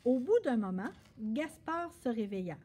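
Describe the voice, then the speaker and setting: Slow, expressive husky woman storyteller. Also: a little high. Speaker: library storyteller. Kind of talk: children's story hour reading.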